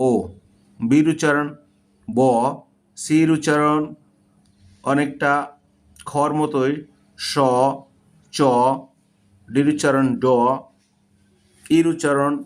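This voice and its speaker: Male English teacher from Bangladesh, steady mid-pitched voice, methodical listing of letter sounds. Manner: slow, listing sounds one by one; fillers while promoting a book. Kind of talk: Bengali-language English lesson.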